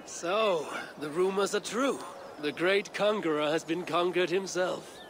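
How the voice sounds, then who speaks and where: An actor playing a weary, resolute Viking warrior in a game, gravelly, with terse, formal and solemn delivery. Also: male voice, high voice, a little slow, fairly bright tone, slight background noise. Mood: wry surprise. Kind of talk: video game cutscene acting.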